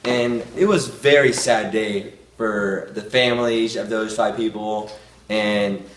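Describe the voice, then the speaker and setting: A teenage boy plays a field reporter for a homemade mock news report, rambling and hesitating with plenty of fillers. His voice is on the low side. A faint noise runs underneath. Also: steady tone, a little slow. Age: teens. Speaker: field reporter in a school video project.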